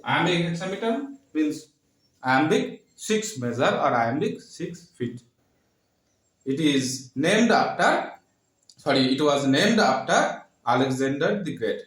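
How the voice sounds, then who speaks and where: A man teaching a literature lesson, speaking haltingly, with frequent fillers and repeated terms. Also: on the high side, sing-song, a bit bright. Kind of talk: classroom lecture. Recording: echoey room.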